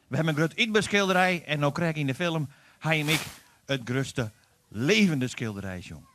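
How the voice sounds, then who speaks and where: A man, presenting live village television with relaxed, enthusiastic links between items. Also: fairly high pitch, moderate pace, background noise.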